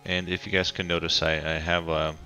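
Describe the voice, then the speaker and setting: Getting over a cold, a very low-pitched Colorado man sounds raspy as he comments on building his city, his easygoing delivery full of ums, pauses, and restarts. Soft music plays in the background while he keeps a bright, forward tone.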